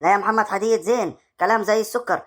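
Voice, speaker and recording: A man's voice: sits high, fairly bright tone. A man voicing a boastful middle-aged village man with an Egyptian accent, who teases and swaggers. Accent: Egyptian Arabic. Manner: rapid, swaggering, teasing.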